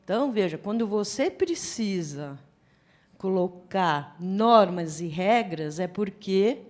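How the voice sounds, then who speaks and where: A woman lecturing on psychology at a forum. Her delivery is conversational and animated, and she acts out little scenes in the middle of her points. Her voice sits at an ordinary middle pitch. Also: slow pace. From Brazil. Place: lecture hall.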